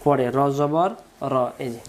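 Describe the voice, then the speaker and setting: A man's voice: on the high side, slow pace, a little mellow. A man teaching Quran reading in a patient, repetitive syllable-by-syllable spelling drill. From Bangladesh.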